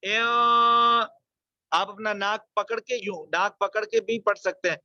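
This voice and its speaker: A man with a fairly high voice teaches an online recitation class. He explains quickly, then stretches out each example word slowly. The sound is dry and a little dull, like a lo-fi recording. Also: fairly even intonation, sharp tone, no room sound. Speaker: Quran tajweed teacher.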